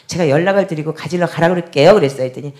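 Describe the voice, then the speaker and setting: A woman's voice: deep voice, very fast, a little mellow. A middle-aged woman pastor telling a story from her pulpit, acting out the other people's voices as she goes. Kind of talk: testimony during a prayer service.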